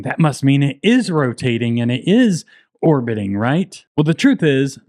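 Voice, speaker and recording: A man's voice: mid-range voice, a little mellow, no room sound, studio quality. A man hosting an explainer video, delivering scripted commentary in an emphatic, sarcastic way with rhetorical questions. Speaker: host of a Bible-explainer video channel.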